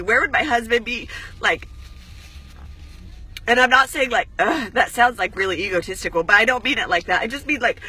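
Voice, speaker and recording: Crying woman on a live stream, husky breathy voice but bright, swears a lot, says like all the time, voice goes high when she's emotional. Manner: earnest, rambling, swears often, many "like" fillers. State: tearful, crying. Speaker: fitness coach.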